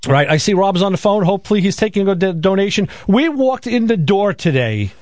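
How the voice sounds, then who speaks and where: A man co-hosts a car talk radio show in a casual, rambling way, often restarting his words. His voice sits fairly high. The studio mic is close and dry. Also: very animated, fairly quick, darkish tone, no room sound. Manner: chatty, rambling, repeats words.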